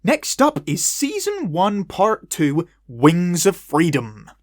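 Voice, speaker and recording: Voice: mid-range voice, slow, dry recording, studio quality. [name], someone voicing a dorky West Country puppet. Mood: lively. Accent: West Country English. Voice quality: self-mocking, jokey asides. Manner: wildly swooping, animated delivery. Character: dorky little male puppet reviewer. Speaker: anime review host. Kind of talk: comedic video review.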